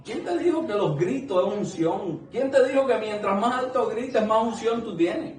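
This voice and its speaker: A man preaches a sermon to a small congregation in a high-pitched voice, a little slowly, with a faint hiss or hum in the background. He's earnest and conversational, asking many rhetorical questions, recorded by a distant mic in an echoey room.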